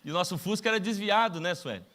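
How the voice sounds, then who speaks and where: A man's voice: high-pitched, animated, quick pace, a bit bright. A middle-aged Brazilian man preaching a sermon as pastor, telling stories with self-mocking humor and acting out the dialogues. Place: church stage.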